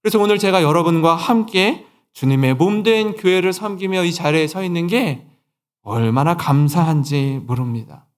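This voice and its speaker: A pastor in his forties delivers a sermon in a church, telling a story from his own life and acting out the conversations in it. His voice sits a little high for a man, and his pitch swings widely as he stresses a point. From Seoul, South Korea. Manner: storytelling with quoted dialogue, lively emphasis. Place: church sanctuary.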